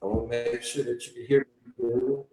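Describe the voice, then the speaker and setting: A man joins as a guest over a buzzy, glitchy call connection that keeps breaking up and sounds hugely echoey. He talks casually and haltingly, stopping often on "uh" and "you know". His pitch sits in a middle range for a man. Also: little pitch movement, dark tone. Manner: hesitant, full of "uh" and "you know". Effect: buzzy glitchy call audio that breaks up. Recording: very echoey remote call line.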